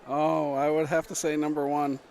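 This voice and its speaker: A man's voice: a little high, flat delivery, moderate pace, gravelly, darkish tone. A man giving color commentary on a school basketball game, offering short, laid-back remarks.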